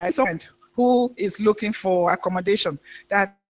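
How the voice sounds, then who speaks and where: A woman pastor preaching a sermon, telling a story in a halting way with frequent restarts. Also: mid-range voice.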